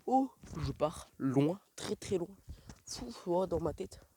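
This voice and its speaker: A young man rambling in slangy, self-mocking talk while walking alone outdoors at night in a dark village, recorded on the phone he carries. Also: high voice, animated, slow pace, noisy background. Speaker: vlogger. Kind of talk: rambling casual vlog. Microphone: phone held while walking.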